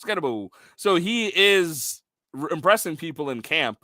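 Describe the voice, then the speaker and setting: A man co-hosting a sports podcast, chatting casually as an excitable storyteller who makes quick asides. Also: fairly high pitch, no room sound. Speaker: podcast co-host.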